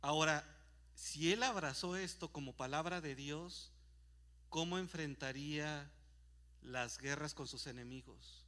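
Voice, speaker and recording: A man preaches a church sermon, his voice a touch high and very bright. He reads scripture with emphasis and poses rhetorical questions to his listeners. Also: unhurried. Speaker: pastor.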